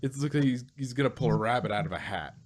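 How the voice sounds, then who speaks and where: A man hosting a podcast chats casually in a mid-range voice at a fairly quick clip. He sounds hesitant, often repeating himself and rephrasing as he goes.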